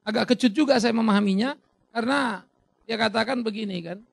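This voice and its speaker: A middle-aged male pastor delivering a lively, theatrical sermon, acting out little dialogues with sudden loud bursts. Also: sits high, a little fast, gravelly, no echo.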